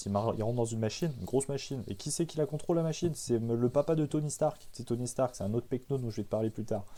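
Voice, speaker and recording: A man's voice: mid-range voice, mellow. Slangy, irreverent French-speaking man. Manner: slangy, irreverent, asks himself rhetorical questions. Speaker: film reviewer. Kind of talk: casual comic movie recap.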